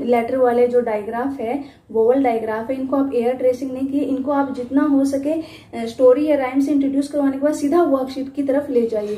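High-voiced woman teaching phonics sounds. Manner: models letter sounds loudly, drawn out. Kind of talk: spoken teaching tutorial. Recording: echoey room.

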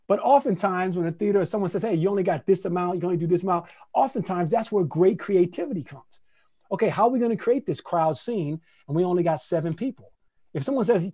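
Animated male playwright scatting rhythms. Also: sits high. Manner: animated, scats rhythms aloud; conversational, repeats phrases for emphasis. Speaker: playwright teaching a masterclass. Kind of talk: lively online workshop teaching.

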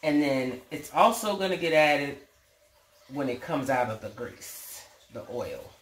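Speaking with a very deep voice in an animated way and at a measured pace, a middle-aged American woman hosts a casual home cooking demonstration with folksy, playful charm. She's indoors in a home kitchen, and the roomy home recording is clearly noisy, with clicks.

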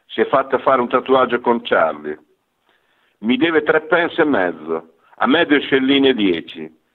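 A man voicing a spiteful old woman gossiping in a pub, with a shrill, scolding manner over a narrow phone-like radio sound. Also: very animated, unhurried.

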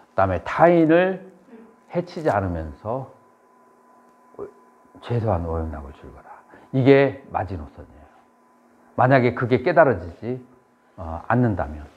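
A middle-aged man, a Buddhist monk lecturing a seminary class, who asks students questions and then answers them, with measured phrasing and pauses. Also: medium pitch, a little mellow. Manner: measured delivery with frequent pauses and "eo" fillers. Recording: dull lo-fi lecture recording.

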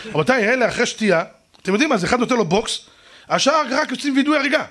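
A man, a rabbi, telling a lively story straight to his listeners and acting out other people's voices. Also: very high voice. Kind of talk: storytelling talk to an audience.

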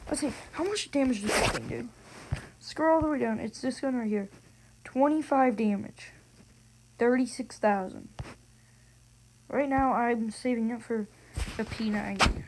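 A gaming video host giving casual, excitable gameplay commentary, slangy and given to frustrated exclamations, on a noisy recording with clicks. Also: mid-range voice, unhurried, long pauses.

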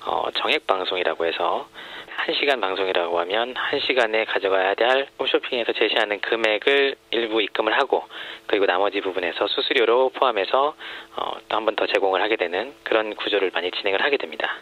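A man interviewed anonymously, his voice disguised and pitch-shifted deep, explaining in a measured way with frequent hesitations. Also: pushed and bright, highs cut off. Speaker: former home shopping supplier, interviewee.

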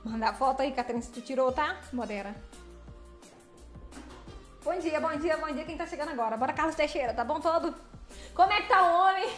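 Playful woman chatting w/ her stream while she drives, high voice, lots of echo. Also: lively intonation, fairly quick, long pauses, a bit bright, soft background music. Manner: chatty and playful, greeting viewers by name. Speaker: livestreaming truck driver. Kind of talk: casual livestream chat greeting viewers. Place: vehicle cab while driving.

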